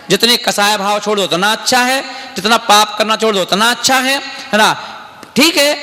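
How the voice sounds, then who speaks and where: A man who is a Jain monk, giving a sermon into a microphone with animated storytelling and chanted wordplay. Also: high-pitched. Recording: long hall reverb.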